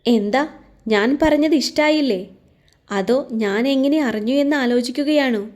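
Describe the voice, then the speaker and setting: A woman's voice: on the high side, normal speed, a little mellow, lightly acted. A woman voicing a spiteful female team leader who taunts a coworker in a mocking tone.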